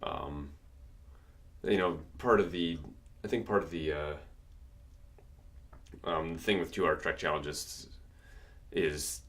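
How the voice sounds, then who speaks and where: Taking it slowly, with long pauses, a bass-voiced man with a fairly bright tone streams his home-studio music production. He chats casually and thinks aloud as he works, keyboard typing audible behind him.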